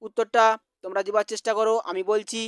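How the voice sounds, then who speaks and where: A teacher from West Bengal slowly reading out exam quiz answers, repeating each question. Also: mid-range voice, level tone, clear, resonant tone, no echo, clean studio sound.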